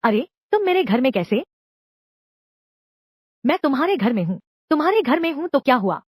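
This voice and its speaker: A woman's voice: high voice, very animated, moderate pace, no room sound, clean studio sound. A woman voicing a proud young woman boss. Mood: indignant. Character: young woman company chief, proud and sharp. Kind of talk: dubbed short-drama dialogue.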